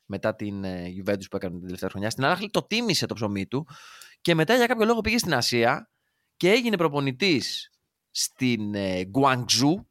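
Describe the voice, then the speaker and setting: Animated Greek man on a dry podcast mic. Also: medium pitch, no echo. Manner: animated, jokey, trails off mid-sentence. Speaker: podcast co-host. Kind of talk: casual football chat.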